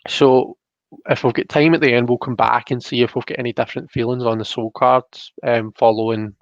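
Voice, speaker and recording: This tarot show host talks a little fast, his medium-pitched voice holding a level tone. He chats casually and apologetically, a bit tentative, during his live stream. The sound is muffled and roomy, typical of a home setup.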